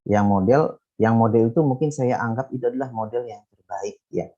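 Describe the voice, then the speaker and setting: Being interviewed, a middle-aged man who works as a teacher, education manager and author gives a casual, filler-heavy explanation of his work. He speaks fairly quickly in a mid-range, warm, husky voice, recorded with a muffled sound.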